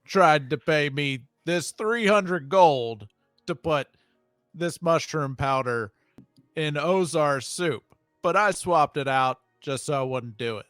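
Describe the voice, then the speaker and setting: A man explains his moves in a hurried, stumbling way. The sound is dry and close, with faint music behind him and a slightly raised voice. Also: on the high side, a bit bright, no echo. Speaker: player. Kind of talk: casual tabletop play.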